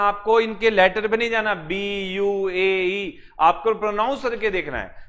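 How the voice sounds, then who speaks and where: A man's voice: high voice, a bit bright. A man teaching a class in a coaching center, asking and answering his own questions as he explains. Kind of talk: classroom lecture. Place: classroom with students.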